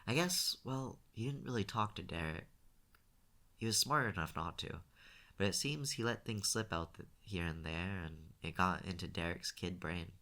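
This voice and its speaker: A man voicing a quiet, reluctant young man who speaks hesitantly. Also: low-pitched. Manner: hesitant, halting.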